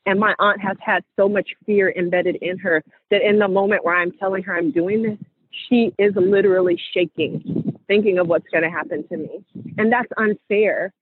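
A woman's voice: medium pitch, steady tone, moderate pace, slightly rough, no room sound. A woman co-hosting a group call, speaking earnestly and building into passionate, rallying talk. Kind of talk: casual inspirational talk. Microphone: phone. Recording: phone line audio.

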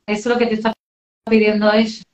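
A woman's voice: medium pitch, completely flat delivery, quick pace, darkish tone, echoey room, muffled recording. A woman with a Rioplatense Spanish accent, speaking tenderly and affectionately as a medium relaying messages in a live session. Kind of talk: live spiritual reading.

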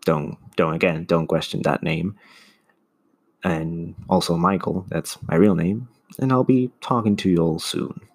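A man's voice: sits low, unhurried, creaky, a little mellow, breathy edge. A man hosting his own podcast, talking earnestly in a casual monologue and often restarting to find his words. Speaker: solo podcast host.

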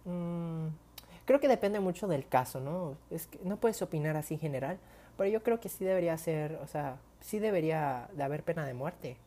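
Low-voiced young Mexican woman vlogging. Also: moderate pace. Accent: Mexican Spanish. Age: young adult. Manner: chatty, slangy, animated retelling with whispered asides. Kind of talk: casual storytelling to camera.

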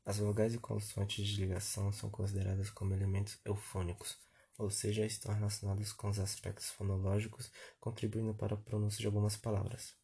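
A man's voice: on the low side, monotone, fast talker, creaky, warm tone, breathy edge. A man reviewing a grammar lesson, methodically reading definitions and word lists aloud. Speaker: teacher.

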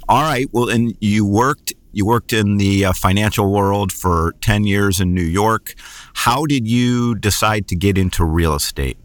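A man's voice: fairly low pitch, a little slow, dry recording. A man hosting an interview podcast, rambling and folksy with many fillers. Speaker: podcast host.

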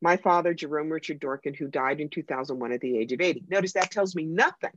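An American psychic medium, interviewed as a guest, tells stories in an animated, emphatic and wry way. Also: medium pitch, quick pace, a little hiss or hum. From United States. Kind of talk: conversational interview storytelling. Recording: dry, slightly dull lo-fi sound.

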